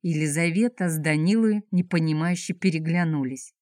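Narrating a novel for an audiobook, a woman speaks in a somewhat low register, measured yet expressive as she reads the script. The sound is close and dry, with no echo.

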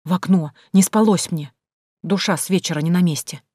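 A woman voicing a nervous young female friend who speaks in hushed tones in an audiobook. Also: lowish voice, fairly quick, slightly rough, no echo, clean studio sound. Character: anxious young woman friend, timid but eager.

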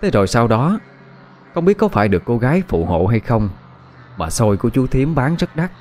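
A man with a Southern Vietnamese accent narrating a ghost story in a calm, measured way. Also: mid-range voice.

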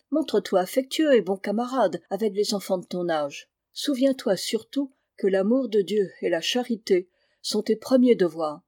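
A woman's voice: medium pitch, dark tone, no room sound, clean studio sound, natural voice. A woman voicing a stern village schoolmaster lecturing a pupil. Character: stern moralizing village schoolmaster, older man.

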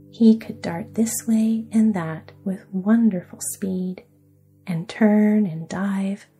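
A woman narrating a sleep story in a soft, hushed, soothing whisper. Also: medium pitch.

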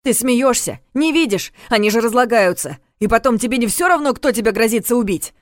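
A woman voicing an excitable young man who turns urgent in danger, in an audiobook. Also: low-pitched, quick pace, dry recording, studio quality, lightly acted. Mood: frantic.

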